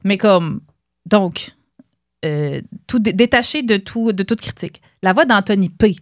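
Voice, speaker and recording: A woman's voice: medium pitch, animated, a little slow, no echo, clean studio sound. A woman with a Quebec French accent co-hosting a podcast, thinking aloud hesitantly in casual chat. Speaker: podcast co-host.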